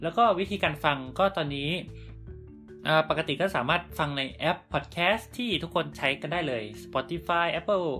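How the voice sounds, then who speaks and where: A man hosting a casual podcast, relaxed as he wraps up the show. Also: a little high, normal speed, faint music behind. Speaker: podcast host.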